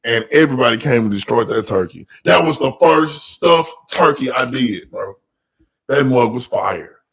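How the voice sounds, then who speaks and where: A man hosting a casual talk show, telling animated stories in an easygoing chat. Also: medium pitch, vocal fry, slight background noise. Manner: animated storytelling, drawn-out complaints. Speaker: podcast host.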